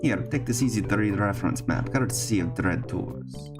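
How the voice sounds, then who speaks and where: A man's voice: lowish voice, very animated, moderate pace. A man voicing a laid-back male ferry boat captain with easygoing tour-guide patter. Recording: game music playing behind.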